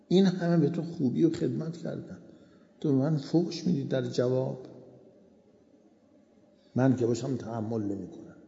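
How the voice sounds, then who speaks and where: A man giving a slow, repetitive moral sermon as a cleric. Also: mid-range voice, vocal fry, mellow. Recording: echoey hall, dull lo-fi sound.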